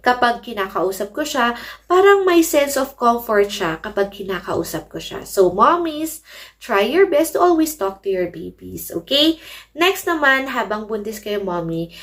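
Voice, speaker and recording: A woman vlogger giving pregnancy tips in a chatty way, often calling her viewers "mommies.". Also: mid-range voice. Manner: chatty, addresses viewers as mommies, mixes English in. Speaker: parenting vlogger. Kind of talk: casual advice vlog.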